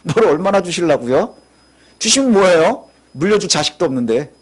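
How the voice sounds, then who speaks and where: A man's voice: high voice, very animated, normal speed, slightly rough, exaggerated voice. A man voicing an aging patriarch who complains bitterly in sulky questions. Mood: resentful.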